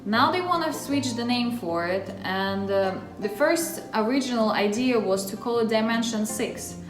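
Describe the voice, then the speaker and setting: A woman's voice: on the high side, lively intonation, moderate pace. A woman from Russia with a Russian accent, hosting her own channel and explaining a topic in a chatty, friendly way straight to the viewer. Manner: chatty, friendly direct address. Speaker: channel host. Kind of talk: casual explainer vlog. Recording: roomy echo with faint music.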